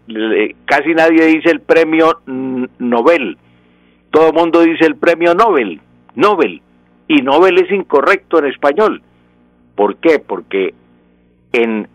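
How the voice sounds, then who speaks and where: Dry-voiced Colombian professor explaining. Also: male voice, fairly high pitch, dry recording, rough recording. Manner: didactic, gives examples, frequent self-corrections. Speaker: language professor on a radio show. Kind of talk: explaining on a radio talk show.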